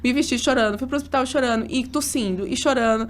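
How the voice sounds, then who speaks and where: Woman, thirties, rather high voice, obstetrician guest, casual interview, emotional animated storytelling, many fillers. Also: quick pace, slight background noise.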